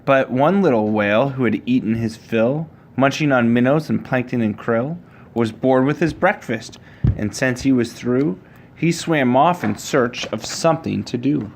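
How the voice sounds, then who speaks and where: A man reads a children's picture book aloud to his child, using a measured, rhyming storybook delivery. His mid-range voice carries some vocal fry, and there's slight background noise.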